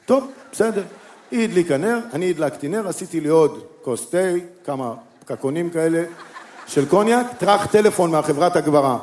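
A middle-aged man with a high voice performs stand-up, spinning a long comic tale. He jumps between his own voice and quick impressions of the people in the story, his pitch leaping up and down as he goes. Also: a little hiss or hum. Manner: animated storyteller acting out quoted voices with big pitch swings. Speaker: stand-up comedian.

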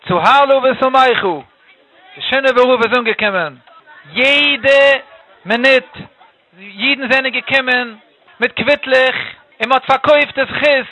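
A man telling a traditional religious tale, acting out the characters' lines in a lively way. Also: very high-pitched, rough recording. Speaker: storyteller.

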